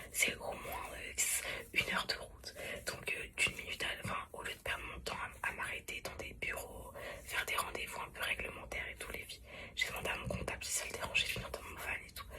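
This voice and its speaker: A woman whispering a morning vlog at home so she does not wake a child, hushed, confiding and rambling to her followers. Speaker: lifestyle vlogger.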